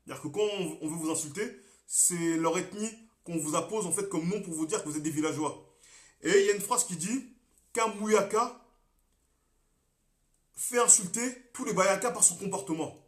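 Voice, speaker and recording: A young Congolese man, a political activist, talking on a live stream with passion, repeating himself and swinging between loud and quiet. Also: high-pitched, normal speed, reverberant. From Congo (DRC). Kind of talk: monologue on a Facebook live stream.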